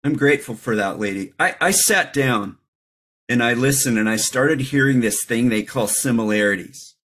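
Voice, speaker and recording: Middle-aged man, husky mid-pitched voice, candid recovery share with dry self-mockery. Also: moderate pace, fairly bright tone. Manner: candid, reflective, self-deprecating humor. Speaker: recovery meeting speaker.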